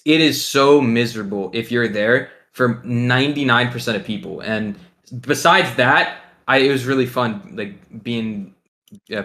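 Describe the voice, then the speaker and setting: A man's voice: lowish voice, fairly bright tone. A teenage boy from Ohio, a pro gamer being interviewed, talking in a laid-back, rambling way with lots of fillers and chuckles. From Ohio, USA. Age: teens. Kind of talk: casual interview.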